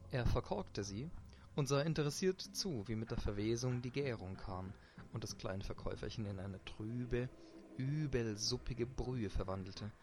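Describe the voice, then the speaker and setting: A man narrating a dark, grotesque story in a measured, ironic storytelling manner. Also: lowish voice. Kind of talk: dark literary audiobook narration. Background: background music.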